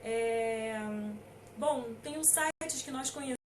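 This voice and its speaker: A woman's voice: high-pitched, takes it slowly, distant mic, background noise. A middle-aged Brazilian woman lawyer giving an informal talk, hesitant with many fillers and emphatic on key points. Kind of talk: informal lecture.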